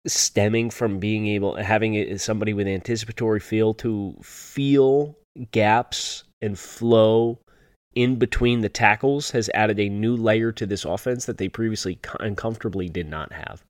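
Lowish-voiced male sports podcast host. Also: steady tone, normal speed, no echo, studio quality. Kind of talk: sports analysis, answering listener questions.

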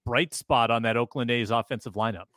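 A man's voice: medium pitch, fairly even intonation, brisk, a bit bright, dry recording. Man hosting, with a close, dry sound. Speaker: sports podcast host. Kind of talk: casual sports talk and conversational host-read ads.

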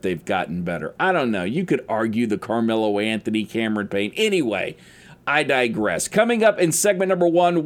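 A man hosting a solo sports podcast, talking casually and rambling a bit, with the odd stumble over his words. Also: medium pitch. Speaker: podcast host.

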